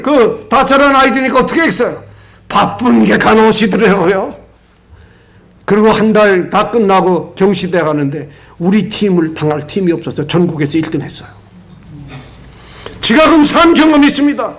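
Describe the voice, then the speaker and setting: An older pastor preaches a sermon in a strikingly high voice, alternating loud, emphatic bursts with quiet asides. He tells stories energetically and leads the congregation in call-and-response.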